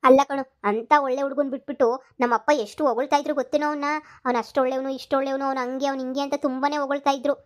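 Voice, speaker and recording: A woman's voice: high-pitched, fairly even intonation, racing, natural voice. Woman voicing a chatty young girlfriend. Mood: gossipy. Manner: chatty, gossipy. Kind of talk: cartoon comedy dub.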